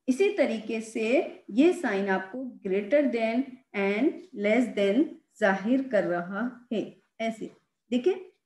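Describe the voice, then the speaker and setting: A woman's voice: on the high side, darkish tone, roomy sound. A woman teacher explaining a children's math lesson patiently, repeating and stressing the key words.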